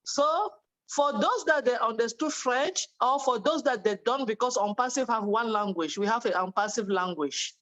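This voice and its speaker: A woman's voice: on the high side, animated, normal speed, fairly bright tone, poor audio. A woman from Cameroon speaking fervently on a video call, thanking and urging others to join. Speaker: webinar participant. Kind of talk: testimonial speech.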